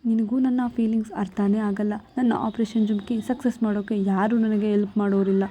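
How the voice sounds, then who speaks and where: A woman's voice: medium pitch, level tone, brisk, warm tone, a little hiss or hum, close to an everyday voice. A woman voicing a naive, lovestruck young man who whines and pleads. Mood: whiny. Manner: whiny, pleading.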